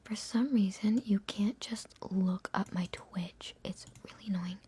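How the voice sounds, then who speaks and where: A woman's voice: mid-range voice, fairly even intonation, a little slow, mellow, husky. A young woman, an ASMR streamer, chatting and answering questions in a whisper, giggly and self-mocking. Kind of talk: whispered live Q&A ramble.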